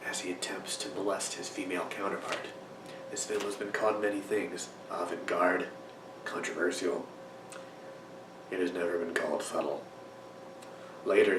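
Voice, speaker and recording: A man reviews a film from a script in a hushed, library-quiet whispering manner. His voice sits low. It is picked up at a distance from the mic, with clear rumbling noise around it. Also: reverberant.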